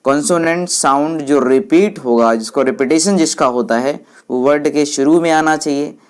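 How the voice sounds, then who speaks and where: A woman teaching English, explaining each point slowly and repeating English phrases in Hindi while speaking to viewers as friends. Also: sits low, darkish tone.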